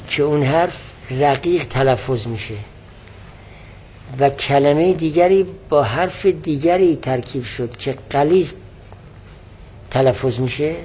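A man's voice: mid-range voice, darkish tone, a little hiss or hum. A man lecturing on a religious text, patiently explaining word meanings and repeating key definitions. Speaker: teacher of religious texts.

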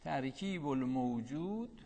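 His voice is mid-range, expressive and warm, echoing with a big-room sound as he teaches. In this lecture he reads a text line, then breaks it down in everyday terms, repeatedly quizzing the students and answering his own questions.

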